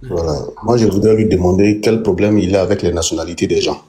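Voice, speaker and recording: A man on a live-streamed panel, posing a measured question. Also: low voice, steady tone, mellow.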